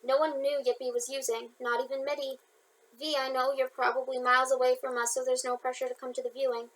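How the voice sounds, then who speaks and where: A woman reading the lines of a grieving female friend who is crying on the phone, in her own high voice. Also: little pitch movement, fast talker, a bit bright, poor audio. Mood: tearful. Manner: tearful, earnest.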